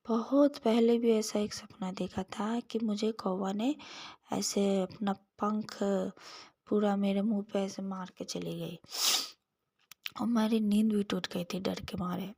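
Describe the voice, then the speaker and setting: A woman in her thirties, an earnest devotee telling a personal dream story in a soft, storytelling voice that sometimes falls to a near whisper. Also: mid-range voice, dry recording. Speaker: devotee sharing a satsang testimony.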